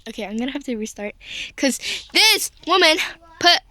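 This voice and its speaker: A young-sounding gamer with a high, childlike voice strained from yelling, giving excited horror game commentary that swings between hushed muttering and screaming. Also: normal speed. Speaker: gamer narrating own play.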